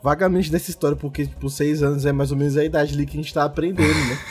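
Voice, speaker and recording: A man's voice: fairly high pitch, steady tone, racing, darkish tone, husky. A young man with a Brazilian Portuguese accent, telling personal stories in a slangy, jokey, rambling chat among friends. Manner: slangy, jokey, rambling with frequent tag questions.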